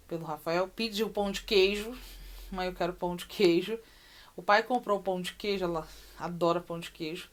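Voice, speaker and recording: A woman, a mother telling the story of her daughter's surgery in a personal vlog, emotional and repeating herself with many pauses. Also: fairly low pitch.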